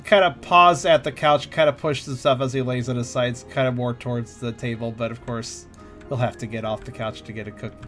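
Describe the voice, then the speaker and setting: A man's voice: medium pitch, fairly even intonation, fairly quick, a bit bright, faint music behind. A man chatting casually as a player in a tabletop role-playing game, describing what his character does.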